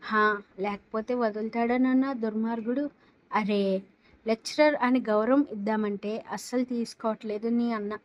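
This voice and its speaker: Cheeky whiny college girl, woman reading her, kinda high voice. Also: fairly even intonation, moderate pace, dull audio, lightly acted.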